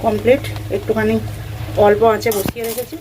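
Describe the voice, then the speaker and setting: A woman in a casual home vlog, chatting along as she works through chores and cooking. Her voice sits a little high, and steady background noise with frying sounds runs behind her. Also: a little fast. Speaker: vlogger. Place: home kitchen. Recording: noisy room with frying sounds.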